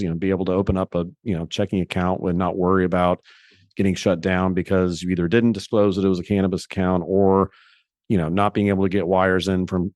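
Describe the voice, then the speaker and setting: A man as an interview guest, explaining things in a measured way with frequent restarts. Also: low voice, darkish tone, no room sound, studio quality. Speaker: guest, investor. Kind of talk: conversational interview.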